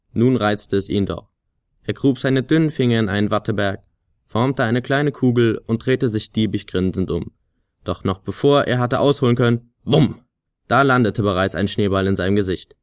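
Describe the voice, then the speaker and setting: A man with a fairly low voice reads a storybook aloud, measured and vivid. The recording is dry and close, with no room sound. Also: no room sound. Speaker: narrator. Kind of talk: storybook narration.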